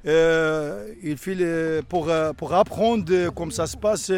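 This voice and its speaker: Higher-voiced man answering hesitantly. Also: slow, darkish tone. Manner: hesitant, rephrasing as he goes. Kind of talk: casual interview answers.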